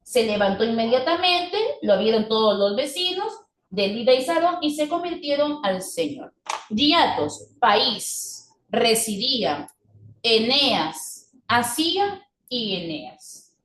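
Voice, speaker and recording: A woman's voice: a little high, animated, measured pace, slight background noise. Woman teacher. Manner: patient, explanatory, checks in with frequent "¿ya?". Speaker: language teacher. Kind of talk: online class lecture. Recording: echoey room, voice from far off.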